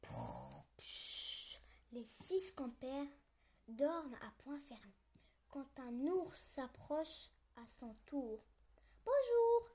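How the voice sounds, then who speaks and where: A woman reading a children's story aloud, gentle and playful with snoring sound effects. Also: high voice, slow.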